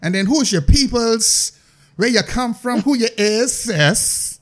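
A man's voice: very high-pitched, lively intonation, slow. A Bahamian man hosting a podcast, joking and teasing, often repeating and spelling out words. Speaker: podcast host. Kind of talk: casual joking chat.

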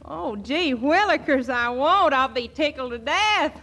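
Bright, high-voiced naive country girl. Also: animated, unhurried, exaggerated voice. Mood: delighted. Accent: rural American. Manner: gushing, folksy, hesitant. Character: naive, eager, lovestruck young country woman with folksy talk. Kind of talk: old-time comedy acting. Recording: noisy old comedy soundtrack.

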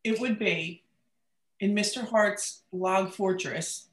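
A woman's voice: mid-range voice, takes it slowly. An American woman chatting casually in a playful, colloquial way. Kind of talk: casual chat. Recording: echoey room sound.

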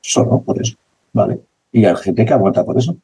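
Passionate coach, dark lively voice. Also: male voice, lowish voice, fairly quick, vocal fry, husky. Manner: passionate, repetitive, acts out dialogue. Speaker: basketball coach and educator. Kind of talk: conversational interview.

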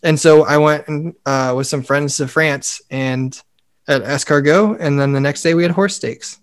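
A man's voice: a little high, fairly even intonation, moderate pace, clean tone. A young man co-hosting a podcast, rambling casually with lots of filler words. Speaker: podcast co-host. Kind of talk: casual chat.

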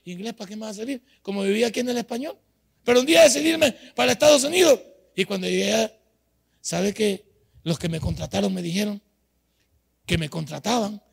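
An older man preaching a sermon in church, telling stories from his own life and swinging from quiet talk to shouting. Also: sits high, creaky, husky. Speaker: pastor.

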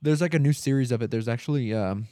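A man's voice: mid-range voice, fast, dark tone. A young man hosting a casual podcast from a couch at home, rambling and joking crudely. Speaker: podcast host. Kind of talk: casual chat. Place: living room couch.

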